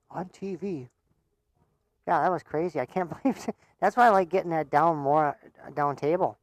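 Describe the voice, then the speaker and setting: A man's voice: on the high side, brisk, dry recording. A man giving casual live commentary on a pool match. He chats, laughs often, and stumbles over repeated words.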